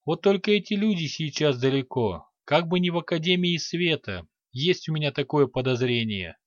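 A man voicing a quick, indignant scholarly count in an audiobook. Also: fairly high pitch, animated, no echo, muffled recording, natural voice. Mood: explaining.

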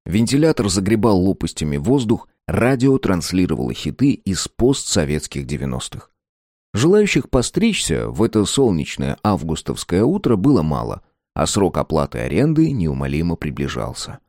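Low-voiced male audiobook narrator. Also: normal speed, no echo, studio quality. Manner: expressive storytelling.

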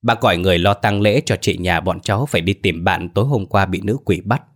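Guy doing a blunt young exorcist girl in a horror story, quick and matter-of-fact, low voice. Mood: urgent.

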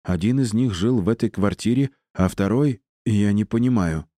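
A man's voice: on the low side, normal speed, dark tone, no echo, studio quality, lightly acted. A man reading the part of a thin, timid young female tracker who speaks hesitantly and respectfully.

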